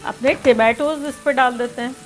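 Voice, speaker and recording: A woman's voice: high-pitched, steady tone, moderate pace. Chatty woman cooking at home. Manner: chatty, playful, sings snatches of songs. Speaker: cooking show host.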